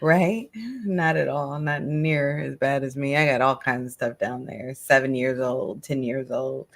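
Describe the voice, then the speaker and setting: A woman's voice: rumbling low, steady tone, measured pace. A woman co-hosting a craft livestream in casual chat, rambling and self-deprecating.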